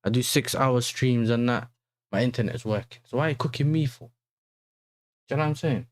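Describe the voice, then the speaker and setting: A man's voice: medium pitch, brisk. A man with an urban London roadman accent, hosting a casual football livestream in slangy talk full of tag questions. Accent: London, urban street style.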